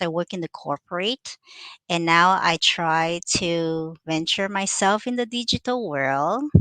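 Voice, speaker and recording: A woman's voice: lowish voice, bright, forceful tone, clean tone, dry recording. Host, middle-aged woman from Vietnam, hesitant and full of restarts, dry close sound. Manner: hesitant, with frequent fillers and restarts. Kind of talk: casual interview.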